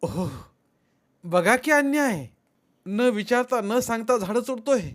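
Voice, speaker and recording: A man's voice: extremely high pitch, expressive, takes it slowly, fairly bright tone, voice pushed up, heavily acted. A man voicing a sly, meddling village man who exclaims with exaggerated mock sympathy.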